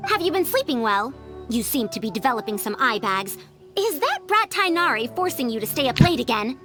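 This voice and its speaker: A woman's voice: fairly high pitch, very animated, fairly quick, a bit bright. An actress voicing a prim, fussy female elder scholar who talks in a lofty, scolding way, in game audio. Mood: caring. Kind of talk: game voice acting. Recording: game audio with faint music.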